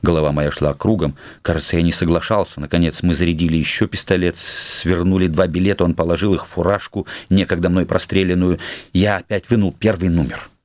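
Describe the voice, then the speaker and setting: A man reads classic prose as an audiobook, his voice low and deep. He takes an unhurried, measured pace, each sentence given its weight. The sound is dry and close, with no room around it. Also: fairly even intonation, darkish tone, dry recording. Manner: measured, unhurried literary reading with shifts into characters. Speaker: narrator.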